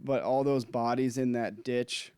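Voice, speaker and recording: A man's voice: medium pitch, steady tone, a little slow, darkish tone, clear, resonant tone, dry recording. A man co-hosting a casual film podcast, chatting with frequent laughs and many filler words. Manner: laughs often, lots of "like" fillers. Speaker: podcast co-host.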